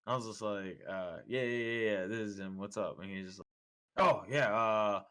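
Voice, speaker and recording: A young man with a fairly low voice co-hosts a casual podcast. He tells laid-back stories, loaded with slang and quick impressions of the people in them. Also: a bit bright, clear, resonant tone. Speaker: podcast co-host. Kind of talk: casual chat.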